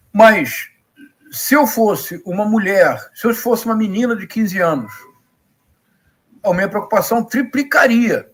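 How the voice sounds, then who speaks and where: Man, Rio de Janeiro accent, high voice, didactic, emphatic, rhetorical questions, live political commentary. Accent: Rio de Janeiro Brazilian Portuguese. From Rio de Janeiro, Brazil.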